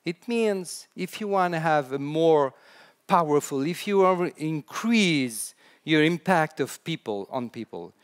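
A middle-aged man from France with a French accent gives an animated keynote on storytelling on a large indoor conference stage, his voice on the high side. Chatty with the audience, he laughs at his own jokes and now and then hesitantly restarts sentences.

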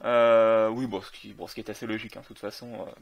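A man's voice: lowish voice, little pitch movement, quick pace, vocal fry. Hesitant man commenting on a game. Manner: hesitant, many fillers and self-corrections. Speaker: gaming video creator.

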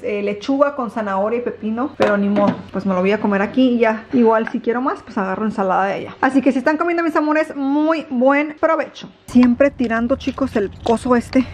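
A woman's voice: on the high side, a little hiss or hum. A woman, chatting casually to her viewers in a home vlog. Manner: chatty, addresses viewers as chicos, frequent fillers. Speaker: vlogger. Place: home and car.

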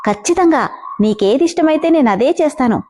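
Woman narrator playing a sweet devoted girl; naive, eager, pitched up. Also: expressive, a little fast, darkish tone, slight background noise. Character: innocent, devoted little village girl.

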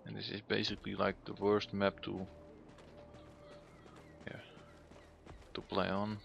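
A man's voice: fairly low pitch, completely flat delivery, a little slow, gravelly, a little hiss or hum. A man giving casual gameplay commentary as the host, plain-spoken and given to mild swearing. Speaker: gaming host. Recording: dull, band-limited mic over music.

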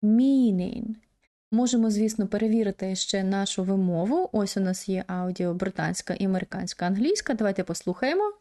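A woman teacher patiently explaining pronunciation in an online language lesson, pausing often with hesitation sounds. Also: medium pitch, lively intonation, warm tone. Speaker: English teacher.

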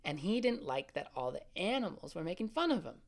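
An actor playing a caring older brother, gently soothing his little sister and telling her a bedtime story in a family audio drama. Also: high-pitched, sing-song, fairly quick.

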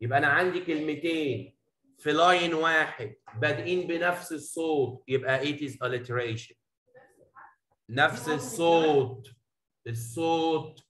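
Bright-voiced Egyptian man teaching poetry. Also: fairly high pitch, roomy sound, poor audio. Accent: Egyptian Arabic. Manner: affectionate, addresses students as "habibi" and "baba"; mixes Arabic explanation with slow English reading. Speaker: English teacher. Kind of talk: classroom poetry lesson. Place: classroom.

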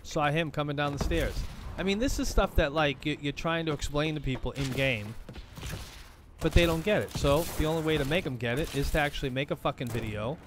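A man's voice: fairly high pitch, brisk, background noise. A man giving gameplay commentary, ranting in an exasperated, profane way about other players. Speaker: gaming video creator. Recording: voice over loud game gunfire. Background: game gunfire and clicks.

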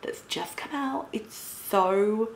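A woman's voice: mid-range voice, takes it slowly, echoey room. A woman reviewing a perfume in a casual vlog, bubbly and gushing, laughing often as she talks.

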